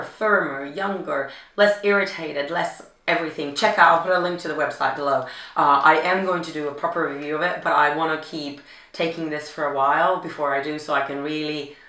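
A young woman vlogging in a chatty, excitable way, her voice hoarse and gravelly from a recent illness. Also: deep voice, recorded from a distance. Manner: chatty and excitable, many fillers. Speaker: beauty vlogger. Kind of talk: casual vlog chat. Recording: echoey room, mic set back.

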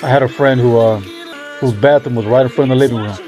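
A man's voice: medium pitch, fairly even intonation, quick pace, a little mellow, faint music behind. A young man giving casual, blunt and profane reaction commentary as a video host. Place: small room indoors.

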